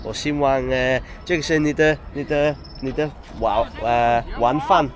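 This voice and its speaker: A British man in his twenties, a native English speaker, chatting casually as a travel vlogger in halting, foreign-accented beginner Mandarin with simple broken phrases. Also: mid-range voice. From United Kingdom. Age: 20s. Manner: simple broken phrases with repeated searching for words. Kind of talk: casual chat with locals.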